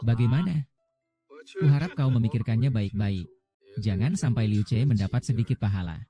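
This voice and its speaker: A man voices a dubbed short drama, reading every character's lines himself. His tone is very dark and mellow, and he keeps much the same voice from role to role. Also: on the low side, a little fast, soft background music.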